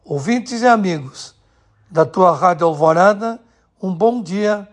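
A man from Rio do Sul delivers scripted radio sports commentary into a studio microphone. His voice sits high for a man, and he reads slowly and deliberately. He breaks his lines into short, measured phrases.

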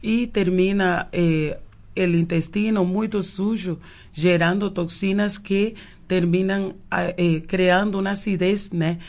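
A woman's voice: on the low side, steady tone, a little slow, a little mellow. A Cuban woman whose first language is Spanish, a naturopath guest on a radio show, who speaks Portuguese with Spanish words mixed in and often repeats words while searching for them. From Cuba. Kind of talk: radio interview answers. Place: radio studio.

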